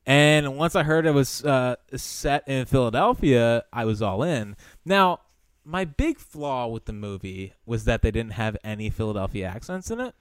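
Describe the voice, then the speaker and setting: Guy hosting a sports talk pod, clear smooth voice, dry close sound, likes to needle. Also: mid-range voice, lively intonation, normal speed, no room sound. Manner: teasing, needling. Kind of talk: casual sports talk host banter.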